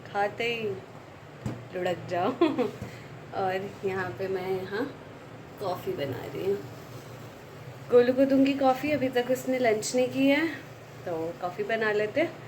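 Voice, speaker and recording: A young woman with a fairly high voice runs a casual home vlog. She chats straight to her viewers as she cooks and sometimes drops to a soft voice. A faint household hum sits behind her. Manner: chatty, talks to viewers directly; speaks softly at times to keep the house quiet. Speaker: vlogger.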